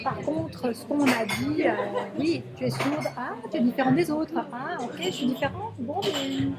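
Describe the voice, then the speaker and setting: High-voiced woman interpreting in a café. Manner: halting, searching for words as she interprets. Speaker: sign language interpreter. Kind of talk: first-person voicing of a signed interview. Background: loud music.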